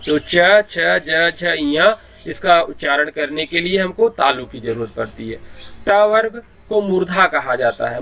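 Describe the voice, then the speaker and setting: A man's voice: fairly high pitch, bright, forceful tone. A man teaching Hindi in an online class, explaining patiently and sounding out letters one by one, with a habit of repeating a filler phrase.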